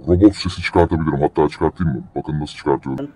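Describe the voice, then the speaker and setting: A music reaction host doing a pitched-down robot voice as a playful demonstration. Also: male voice, quick pace, dark tone, far from the mic. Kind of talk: casual reaction commentary.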